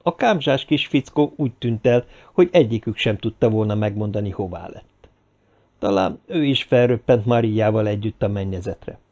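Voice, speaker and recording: Man narrating a story, dull lo-fi sound. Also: fairly low pitch. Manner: steady storytelling, many character voices. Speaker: audiobook narrator. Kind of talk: scripted narration.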